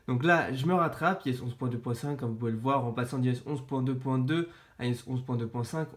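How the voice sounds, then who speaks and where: A man with a French accent presenting an informal tech explainer to viewers, sounding stuffy-nosed, tired and sick with a sore throat. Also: mid-range voice. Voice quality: congested, stuffy nose. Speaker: tech video host.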